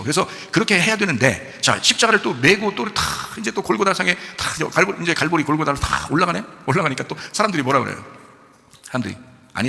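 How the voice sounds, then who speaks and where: A male pastor preaching a sermon. He asks the congregation rhetorical questions, answers them himself, and swings between quiet asides and loud emphasis. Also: medium pitch, gravelly, in a large hall. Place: church sanctuary.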